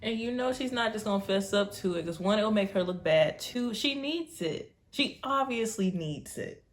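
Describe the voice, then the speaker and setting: A woman's voice: mid-range voice, expressive, normal speed. A woman with an American accent giving colloquial, casual reaction commentary as she talks back to the screen. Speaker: reaction show host.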